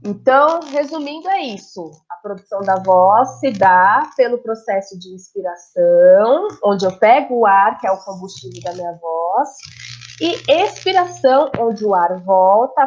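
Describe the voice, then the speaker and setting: A woman's voice: fairly high pitch, lo-fi sound. A woman, a speech therapist explaining how the voice works and demonstrating sounds as she goes. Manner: demonstrates sounds, checks understanding with listeners. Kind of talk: explanatory lesson.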